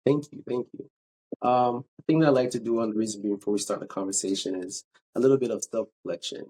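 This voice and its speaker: Male podcast host, husky tone, casual and rambling with false starts. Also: mid-range voice, steady tone, fast, warm tone, poor audio. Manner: chatty, hesitant, with restarts and apologies. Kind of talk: casual interview.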